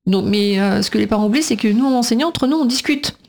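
A woman's voice: a little high, fast, creaky. Earnest talkative woman radio guest. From Portugal. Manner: talkative, earnest, quotes others in lively voices. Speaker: nursery school teacher and parent guest. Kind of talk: radio talk show interview.

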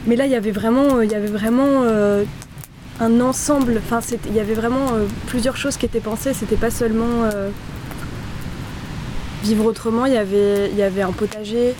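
A woman answering interview questions in a relaxed chat, speaking haltingly with many fillers and restarts. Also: on the high side. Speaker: interview guest. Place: inside a tipi by a fire in the rain. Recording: steady rain noise in background.

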